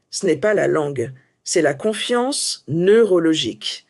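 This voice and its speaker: Lively-voiced French teacher, coaching tone. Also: medium pitch, no echo, studio quality. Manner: coaching, full of rhetorical questions. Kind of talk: scripted motivational lesson.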